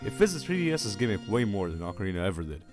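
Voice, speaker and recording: A man's voice: lowish voice, big pitch swings, rapid-fire. A man narrating a casual scripted game review in a sarcastic, joking manner. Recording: voice-over with music behind it.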